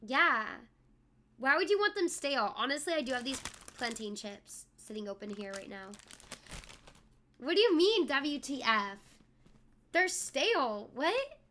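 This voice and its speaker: Playful high-voiced woman streamer. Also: sing-song, unhurried, pauses often, pushed and bright. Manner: playful, sing-song, reads chat aloud. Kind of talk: casual live-stream chat.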